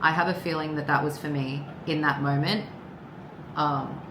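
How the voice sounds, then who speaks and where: A woman's voice: low-pitched, fairly even intonation, moderate pace. A woman giving a casual, rambling tarot reading with personal asides and the odd swear word. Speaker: tarot card reader. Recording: echoey room with clear background noise.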